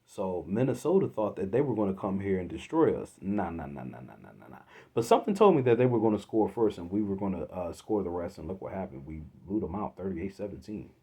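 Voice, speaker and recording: A man from Philadelphia hosting a solo sports podcast, exasperated, swinging from loud outbursts to low muttering. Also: lively intonation, fast talker, few pauses, breathy edge. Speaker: podcast host.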